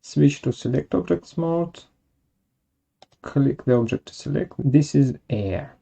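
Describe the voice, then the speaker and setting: A software webinar presenter with a medium-pitched, gravelly, husky voice narrates a tutorial step by step. The delivery is measured, pausing between steps.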